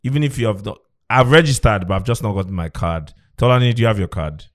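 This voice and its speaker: A man's voice: lowish voice, fast. A man with a Nigerian accent hosting a podcast in casual, teasing banter, often repeating his phrases. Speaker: podcast host.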